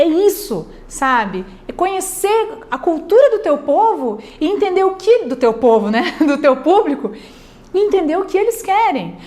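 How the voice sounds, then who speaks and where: A high-pitched Brazilian woman gives a recorded class lecture. Her intonation rises and falls widely as she checks in with students and acts out quick examples. The delivery is conversational and teacherly. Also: dark tone. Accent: Brazilian Portuguese.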